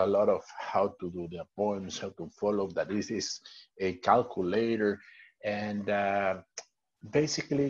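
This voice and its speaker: A Mexican network marketing trainer, a native Spanish speaker with a Mexican Spanish accent, gives an online training talk full of fillers and restarts. His voice is lowish, warm and husky, and the audio sounds dull.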